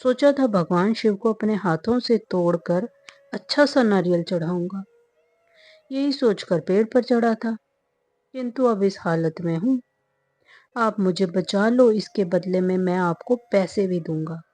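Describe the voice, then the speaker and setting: A woman voicing a stingy, haughty male merchant who talks loudly and indignantly in a told folk tale. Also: mid-range voice, unhurried, no echo, natural voice. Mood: haughty, pleading. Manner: loud, indignant, pleading.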